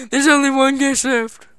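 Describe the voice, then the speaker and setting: A woman giving casual gameplay commentary at her computer, goofy and chatty, breaking into excited cheers, on a desk mic. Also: high-pitched, no room sound, studio quality. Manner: excited squealing "yay" cheers and laughter; playful goofy broken phrasing. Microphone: desk microphone.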